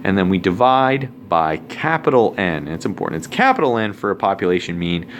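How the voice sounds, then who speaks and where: A male math teacher walks through a recorded lesson in a low voice that swings up and down as he talks. He keeps it casual, dropping joking asides while he writes. A faint hum of room ambience sits behind him. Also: sing-song, fairly quick.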